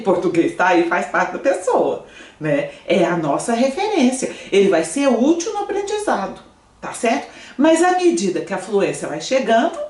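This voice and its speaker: A woman teacher from Brazil, medium-pitched, instructs students in French over an online lesson, seated in a room before a screen. With a lively manner, she frequently asks questions to check they understand. The mic is distant and the room echoes.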